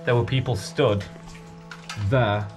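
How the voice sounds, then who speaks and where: A man's voice: medium pitch, fairly even intonation. Chatty man exploring a ruin. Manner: chatty, swearing, quick running commentary. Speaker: urban explorer host. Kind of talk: casual exploration vlog. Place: dark abandoned building, indoors. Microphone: camera held at arm's length. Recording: music playing under the voice.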